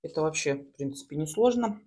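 A woman in her thirties chats casually and slangily while eating in a mukbang, chewing and smacking, with pauses between bites. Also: low voice, expressive, background noise. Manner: colloquial, slangy. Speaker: mukbang host. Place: small room at home, at a table.

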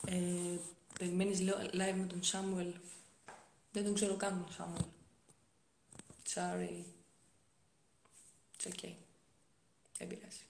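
A young woman on a casual live stream, chatting as she reads viewer comments aloud and answers them, often dropping to soft-spoken asides. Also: on the low side, level tone, gravelly, long pauses, a little hiss or hum. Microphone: phone. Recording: roomy phone audio.

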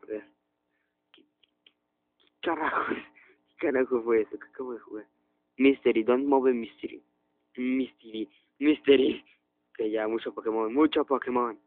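A young man doing excitable let's-play commentary, often bursting into loud, high exclamations. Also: unhurried, pauses often. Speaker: gaming youtuber. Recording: tinny lo-fi phone-like audio.

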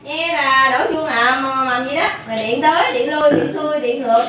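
High-voiced woman, crowded echo. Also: normal speed, far from the mic. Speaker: daughter. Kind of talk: casual family chat. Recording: echoey room, loud chatter behind.

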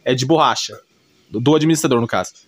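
A man with a Brazilian accent recaps an anime for his video, talking fast in a mid-range voice with no room sound. The story commentary is informal and unscripted, repetitive and colloquial, with frequent small check-in tags.

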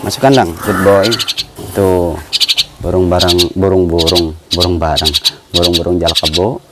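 A man's voice: low voice, level tone, normal speed, heavy background noise. A man vlogging casually from his home bird cages, chatting to viewers and coaxing his birds in a playful voice, filmed on a phone. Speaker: pet bird keeper and channel host. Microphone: phone camera. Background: bird calls and clicks.

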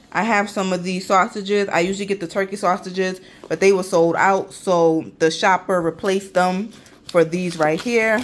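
Chatty woman with a low voice. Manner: chatty, talks straight to viewers as y'all. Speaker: vlogger. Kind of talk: casual grocery haul vlog. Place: apartment kitchen, indoors. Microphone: handheld phone camera.

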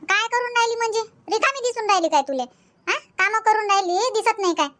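Cartoon granny, played by a woman: old, thrifty, nagging, shrill and bright. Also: quick pace. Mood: scolding. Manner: nagging, sharp-tongued. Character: scolding thrifty old village grandmother.

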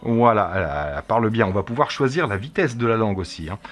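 A middle-aged man from France hosting a casual tech review, chatty and relaxed, often pausing to hesitate as he demonstrates a device. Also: on the low side, faint music behind. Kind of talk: casual product demo.

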